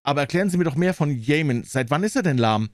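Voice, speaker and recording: A man playing an earnest young gentleman who asks anxious questions. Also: on the high side, expressive, fast talker, no room sound, clean studio sound, voice pushed up, close to an everyday voice.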